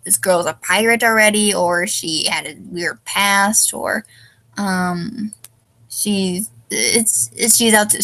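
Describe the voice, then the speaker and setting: A young woman reviews fanfiction in a casual ramble, her mid-range voice stuffy and tired yet sharp in tone. She hesitates a lot, fills gaps with ums, trails off, and loses her train of thought. The recording is rough.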